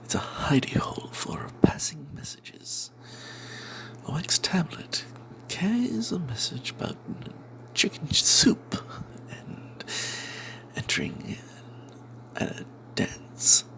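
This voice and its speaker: A man whispers a secretive tabletop fantasy adventure as ASMR, telling it in character as a cleric. His breathy, unvoiced whisper is fairly high and sing-song, hushed with dramatic pauses, and the audio quality is poor.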